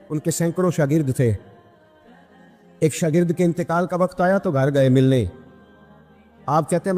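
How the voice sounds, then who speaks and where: A man preaching an impassioned sermon, telling stories and acting out the quoted voices with sudden leaps upward in pitch. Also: a little mellow, big-room sound. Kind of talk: Urdu sermon with storytelling.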